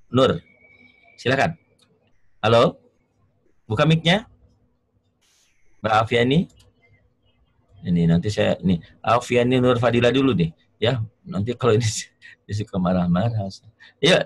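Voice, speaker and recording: A man teaching Quran reading in an online lesson over a video call, gentle and joking as he encourages his students. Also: medium pitch, no room sound, poor audio.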